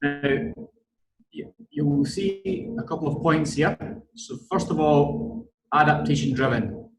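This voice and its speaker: A man with a broad Scottish accent giving an online strength and conditioning lecture, deliberate and repeating words for emphasis. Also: fairly high pitch, huge pitch swings, vocal fry, echoey room, soft background music, poor audio.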